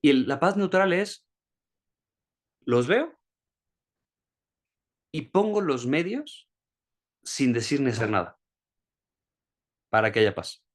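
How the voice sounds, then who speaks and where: A man teaching an online class over a video call. He explains a concept in a plain, everyday speaking voice, often restarting and repeating words. When he gives an example he raises his pitch. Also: lively intonation, takes it slowly, long pauses. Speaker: course instructor.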